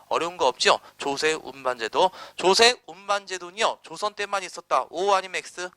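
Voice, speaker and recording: A man giving an exam-prep history lecture, constantly quizzing students with quick rhetorical questions and blunt, slangy asides. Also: on the high side, pushed and bright, no room sound.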